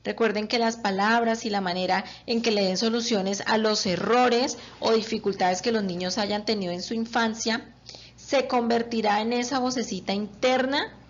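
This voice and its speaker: A woman's voice: a little high, a little hiss or hum. Woman explaining parenting, lo-fi sound. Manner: calm, explanatory, with frequent "eh" fillers. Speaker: parenting educator. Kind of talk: informative talk on parenting.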